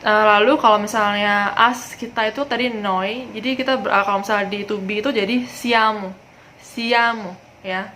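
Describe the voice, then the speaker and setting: Young indonesian woman teaching basic italian, chatty, lots of uhs, slows way down on the words, bit of faint noise behind. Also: mid-range voice, steady tone, sharp tone, rough recording. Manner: chatty, many fillers, slow drawn-out example words. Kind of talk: casual video lesson.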